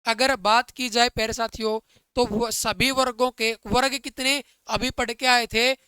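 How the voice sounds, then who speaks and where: A man leads an online exam-prep grammar lesson in a bright, crisp voice that sits high for a man. He calls his listeners brother and dear friends and keeps asking whether everything is clear. The sound is dry, with no room echo. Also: little pitch movement, unhurried. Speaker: Hindi grammar teacher.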